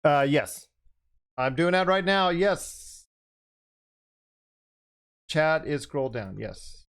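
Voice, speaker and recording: A man chatting casually, halting and stumbling over his words. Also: a little high, big pitch swings, fairly bright tone. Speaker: moderator. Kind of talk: casual chat.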